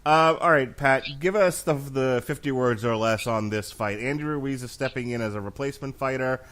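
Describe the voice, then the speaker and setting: A man's voice: medium pitch, normal speed, fairly bright tone. A man hosting a boxing commentary show, talking casually with joking, mock-formal flourishes. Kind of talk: casual sports talk, joking introductions.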